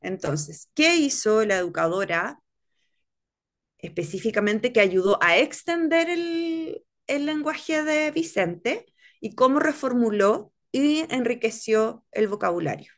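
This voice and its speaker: A woman's voice: on the high side, animated, takes it slowly. A woman leading a teacher training workshop, explaining step by step and often checking in with her listeners. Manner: explanatory, checks in with frequent "¿cierto?". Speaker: workshop instructor. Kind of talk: online teacher training lecture.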